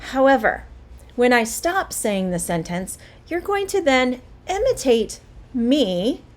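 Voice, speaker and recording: A middle-aged woman teaching English, speaking slowly and clearly with a voice that rises and falls a great deal. Her tone is a little high and encouraging. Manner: slow, clear and encouraging, with a very lively melody. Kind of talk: spoken English lesson.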